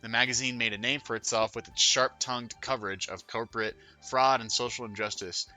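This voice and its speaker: Let's-play host, man, reads game text with crude asides; bright, forceful voice. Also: mid-range voice, steady tone, brisk, faint music behind. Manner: profane, offhand asides between read lines. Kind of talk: reading a visual novel aloud with commentary.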